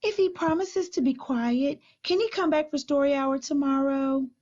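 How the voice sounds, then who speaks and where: A woman voicing an earnest, polite little girl in a storybook, with a gentle manner. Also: sits high, normal speed, highs cut off, voice pushed up, close to an everyday voice. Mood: pleading.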